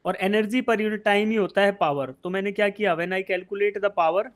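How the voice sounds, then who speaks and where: This live online exam-prep lecture features an Indian physics teacher whose voice sits fairly high and whose pace is measured. Step by step he unpacks the concept, questioning the students and answering himself, and he calls them "beta" again and again, with the technical parts coming out.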